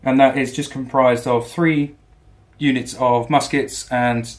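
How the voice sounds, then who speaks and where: A man with a mid-range voice reads out his wargame forces and their rules. He is steady but hesitant, filling gaps with ums, and the room gives his voice a noticeable echo. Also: mid-range voice, a little slow. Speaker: opposing wargame player. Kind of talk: casual rules explanation. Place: home room with a wargame table. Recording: roomy echo.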